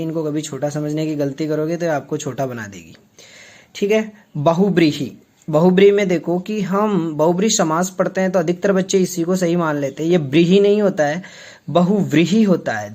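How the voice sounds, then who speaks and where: A man from Rajasthan teaching a spelling lesson, repeating words slowly and checking with quick questions. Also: a little high, mellow.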